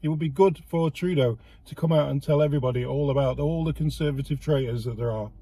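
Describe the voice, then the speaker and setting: A man's voice: fairly high pitch, fast, mellow. A man from the United Kingdom with a British accent, hosting a casual political commentary show, heated and sarcastic, stumbling and repeating words as he goes. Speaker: host.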